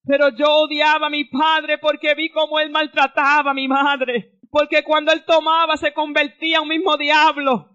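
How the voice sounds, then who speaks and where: A woman's voice: high voice, flat delivery, moderate pace, hardly any pauses, pushed and bright, highs cut off. A woman pastor giving a fervent radio testimony sermon, breaking into praises between her story.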